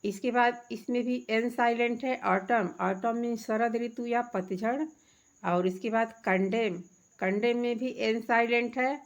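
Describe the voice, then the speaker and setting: A woman teacher talks a class through a workbook lesson. She speaks slowly in a slightly high voice. She asks the children questions and answers them herself, patiently. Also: steady tone.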